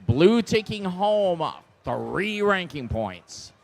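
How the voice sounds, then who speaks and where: A man calling play-by-play at a robotics competition as match announcer, energetic and upbeat. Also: high voice, extremely slow, gravelly, soft background music.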